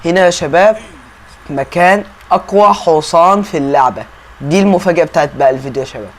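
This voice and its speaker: A man's voice: a little high, fast. A young man with an Egyptian accent chatting through gameplay commentary, calling out to his viewers all the time. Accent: Egyptian Arabic. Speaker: gaming YouTuber.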